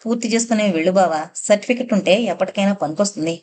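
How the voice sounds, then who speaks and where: A woman's voice: mid-range voice, racing, darkish tone, lightly acted. A woman reading a teasing young woman. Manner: teasing, lightly mocking. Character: playful teasing young woman, quick-witted. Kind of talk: audiobook character reading.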